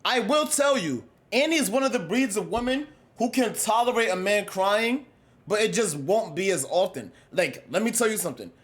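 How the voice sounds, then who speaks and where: A young man livestreaming, chatting casually with his viewers in a slangy, rambling, animated way. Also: high-pitched, moderate pace. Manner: animated, rambling, slangy, swings between loud and mumbled. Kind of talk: casual chat with live chat.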